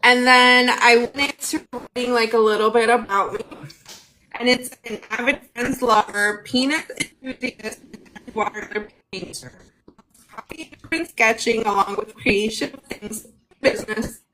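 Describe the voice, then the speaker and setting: A woman's voice: on the high side, steady tone, unhurried, pushed and bright, a little hiss or hum, poor audio. A woman guest chatting enthusiastically on a phone video call, laughing often. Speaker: guest artist. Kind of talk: casual video-call chat. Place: moving from indoors to outdoors.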